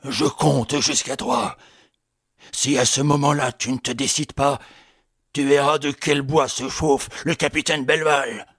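In a studio-quality, dry audiobook recording, a man voices a furious young army captain. His medium-pitched, fairly bright voice is a little slow and fairly even in intonation as he barks gruff threats, scornful jibes, and contemptuous laughter.

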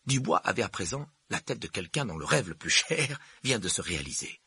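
A man's voice: on the low side, big pitch swings, fairly quick, sharp tone, slightly rough, no room sound. A man narrating a story expressively, doing the characters' voices. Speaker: audiobook reader.

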